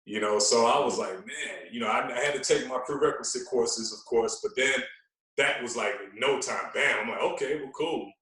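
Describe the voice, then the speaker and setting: As an interview guest on a podcast, a radio personality tells stories casually in an animated, repetitive way. His voice is middling in pitch and his pace moderate. The mic picks him up from a little distance in an echoey room.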